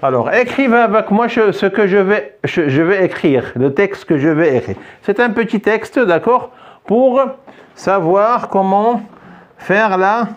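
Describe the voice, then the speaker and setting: A man's voice: high voice, animated, measured pace, lo-fi sound. A man teaching a French lesson in a classroom, patiently repeating phrases for his students to echo back. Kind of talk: classroom lesson with call-and-response drilling.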